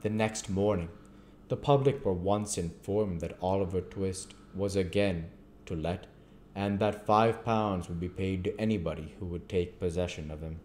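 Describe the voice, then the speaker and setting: A man reading a classic novel aloud at a measured pace, with the occasional stumble. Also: sits low, darkish tone, a little hiss or hum. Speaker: audiobook reader.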